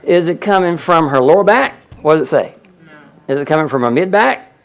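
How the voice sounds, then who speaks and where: His voice a little high, animated, and brisk, a man leads a healing seminar and talks the audience through a live demonstration. He explains as he goes, often pausing to say "look at that."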